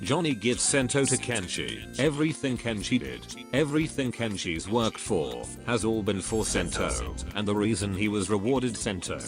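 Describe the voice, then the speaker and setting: A man's voice: fairly low pitch, lively intonation, normal speed, hardly any pauses. A man delivering scripted video game commentary with joking asides, as a commentator. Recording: loud music behind the voice.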